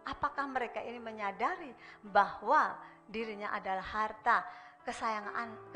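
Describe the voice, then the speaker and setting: A woman preaching a sermon, speaking straight to the congregation and swinging between emphatic and hushed delivery. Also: fairly high pitch. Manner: constantly addresses the congregation directly.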